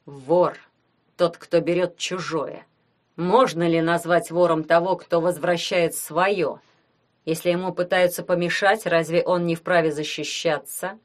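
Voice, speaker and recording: A woman voicing a brooding young male necromancer, who speaks slowly and measuredly, as if through his teeth. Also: sits low, a little mellow, close to an everyday voice.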